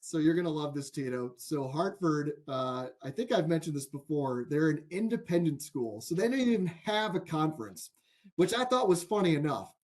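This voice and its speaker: A man's voice: on the high side, expressive, normal speed, a little mellow. A man co-hosting a sports betting podcast, chatting loosely and laughing easily. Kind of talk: casual podcast chat.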